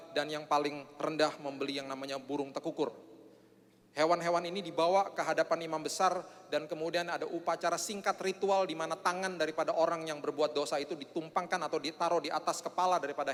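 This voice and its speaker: A man's voice: fairly high pitch, level tone, quick pace, fairly bright tone. A male pastor preaching a sermon with a joking, self-mocking manner and frequent "eh" fillers. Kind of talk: sermon with prayer. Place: church hall. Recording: long church hall reverb.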